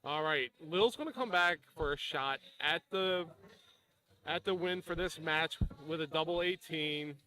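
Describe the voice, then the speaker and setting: Bright-voiced man calling darts. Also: fairly high pitch, a little slow, rough recording. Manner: informal, bantering. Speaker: darts commentator. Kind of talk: casual live sports commentary.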